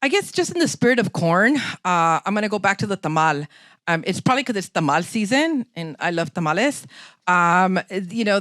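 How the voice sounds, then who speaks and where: A woman's voice: mid-range voice, fairly bright tone, no echo. Woman speaking plainly with an LA accent. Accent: Los Angeles. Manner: thoughtful, unhurried, many fillers. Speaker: guest speaker, chef and anthropologist. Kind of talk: public lecture Q&A answer. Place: lecture hall.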